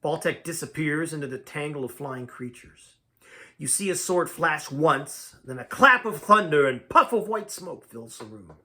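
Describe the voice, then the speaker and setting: Lively man reading an adventure story aloud. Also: mid-range voice. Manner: dramatic, shifting pace and volume. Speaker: reader of a choose-your-own-adventure book. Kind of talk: animated storybook read-aloud.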